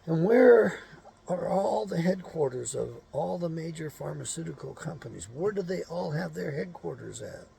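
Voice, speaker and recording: A man's voice: fairly high pitch, lively intonation, moderate pace, creaky, mellow, slightly rough. A man hosting his own show, talking in a blunt, rambling monologue full of cursing and rhetorical questions. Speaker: show host.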